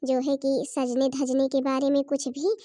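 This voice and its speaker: A woman doing a village gossip for a cartoon, scoffing and mocking as she watches the neighbours. The voice sits high and is recorded dry and close, with no room sound. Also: completely flat delivery, unhurried, dark tone, no echo.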